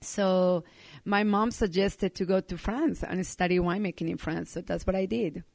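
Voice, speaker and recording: A woman's voice: lowish voice, fairly even intonation, moderate pace, creaky, a little mellow, no echo. A middle-aged woman from Colombia, a native Spanish speaker, talking earnestly as an interview guest, with many ums and uhs. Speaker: winemaker guest. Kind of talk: casual interview talk.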